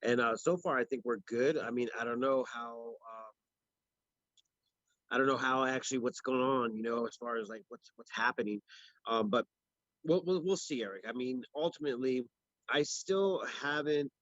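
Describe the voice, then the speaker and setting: A man's voice: medium pitch, normal speed, fairly bright tone, no room sound, highs cut off. A man co-hosting a local news livestream, chatting casually off the cuff with many restarts and fillers. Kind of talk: casual ad-libbed chat.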